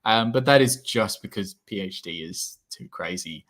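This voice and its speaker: A man's voice: lowish voice, animated, moderate pace, a bit bright. Rambling young Australian man. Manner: rambling, hesitant, restarts often. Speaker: guest physicist. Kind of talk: casual livestream chat.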